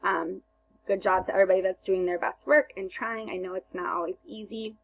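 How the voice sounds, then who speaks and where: A woman teacher talking students through a recorded remote lesson step by step, starting most sentences with "so" and filling pauses with "um". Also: medium pitch, fairly even intonation, creaky, lo-fi sound. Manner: explains step by step, many "um"s and "so"s.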